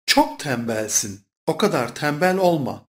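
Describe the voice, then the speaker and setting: A speaker reading short phrases for a language course in a measured way. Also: mid-range voice, sing-song. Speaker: Turkish phrase reader.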